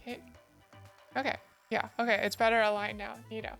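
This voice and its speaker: Cute, flustered, high-voiced woman streamer. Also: little pitch movement, a little fast, gravelly, a bit bright, soft background music. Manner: scattered, self-interrupting, mutters to herself. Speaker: livestreamer drawing fan art. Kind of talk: casual livestream chat, thinking aloud. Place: indoor streaming setup.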